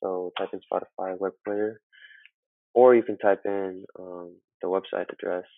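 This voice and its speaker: Recorded on a built-in laptop microphone that makes him sound muffled, as though behind a wall, a student chats through a computer tutorial for a how-to video, filling it with fillers. He speaks unhurriedly in a low voice with little pitch movement and vocal fry.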